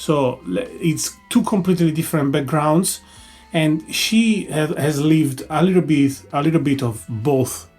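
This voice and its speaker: A man's voice: a little high, a little mellow, husky, soft background music. Man hosting a podcast. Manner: friendly, halting, frequent restarts and fillers. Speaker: podcast host. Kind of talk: podcast interview.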